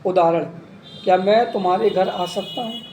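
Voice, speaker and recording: A man's voice: high-pitched, moderate pace, darkish tone, a little hiss or hum. A man teaching an exam-prep grammar lesson, listing terms and examples one by one. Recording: echoey room with faint ambience.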